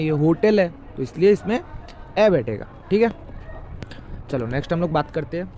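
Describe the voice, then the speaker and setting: A man's voice: fairly high pitch, dark tone, a little hiss or hum. A man teaching English grammar in a classroom style, explaining and quizzing the listener with repeated questions.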